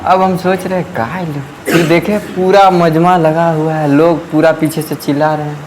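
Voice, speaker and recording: Animated young man telling a comic story. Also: fairly high pitch, normal speed, background noise. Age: young adult. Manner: animated, acts out dialogue from the story. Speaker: student performer. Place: indoor celebration event.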